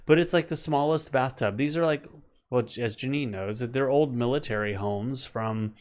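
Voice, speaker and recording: A man in his forties co-hosting a relaxed live chat from home. He talks in a chatty, meandering way, with a voice of ordinary pitch for a man, and loops from one story into the next. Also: moderate pace. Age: 40s. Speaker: co-host.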